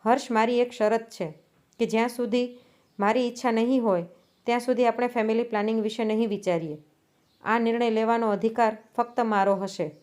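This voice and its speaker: A woman voicing a stubborn, proud young wife in a storybook reading, with a sharp, defiant delivery. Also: a little high, fairly even intonation, a little fast, lightly acted. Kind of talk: storybook narration.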